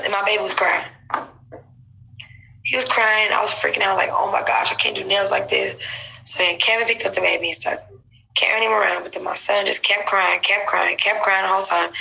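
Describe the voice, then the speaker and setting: A young adult woman telling a gossipy story on her livestream in a casual, animated way, acting out what others said. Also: medium pitch, gravelly, dull audio. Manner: animated gossip, acts out quotes. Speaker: live streamer.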